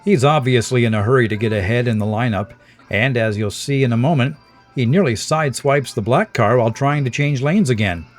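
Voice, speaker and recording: A man's voice: mid-range voice, fairly quick, faint music behind. A man reading scripted voice-over narration as the host of a dash cam series.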